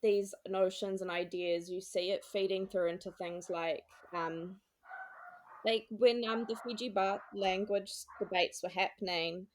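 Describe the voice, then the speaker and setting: A woman's voice: medium pitch, fairly even intonation, a little slow, a little mellow, a little hiss or hum. A woman hosting a podcast, speaking informally and colloquially in casual discussion. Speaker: podcast host.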